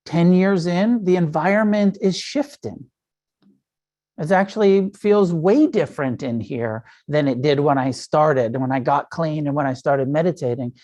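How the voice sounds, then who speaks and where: A man's voice: fairly high pitch, a little slow, mellow. A middle-aged man giving a casual dharma talk as a meditation teacher, frank and profane, with frequent fillers and restarts.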